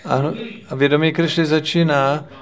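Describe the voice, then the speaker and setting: A man giving a religious lecture in a measured, preaching manner, repeating phrases in lists. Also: on the high side, flat delivery. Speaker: spiritual lecturer.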